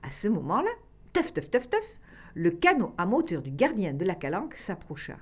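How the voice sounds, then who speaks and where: A woman reading a children's tale aloud, expressive and dropping to a hush for dramatic passages. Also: fairly low pitch, normal speed, slightly rough. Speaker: storyteller.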